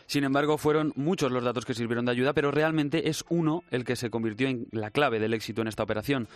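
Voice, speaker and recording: A man co-presenting a radio news story with a brisk, lively reading. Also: mid-range voice, no echo. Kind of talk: scripted news narration.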